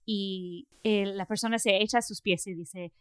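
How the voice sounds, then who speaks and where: A woman hosting a faith podcast, telling a story in a lively way with frequent fillers and laughs. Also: medium pitch, moderate pace, smooth. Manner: animated storytelling, laughs often, many fillers. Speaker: podcast host. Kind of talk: casual faith conversation.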